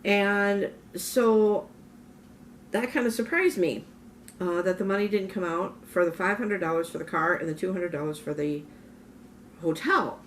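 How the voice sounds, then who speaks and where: A woman's voice: lowish voice, measured pace, slight background noise. A woman from Minnesota vlogging in a casual, rambling way, often correcting herself, with a morning voice. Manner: rambling, self-correcting storyteller. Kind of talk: casual talking-head vlog.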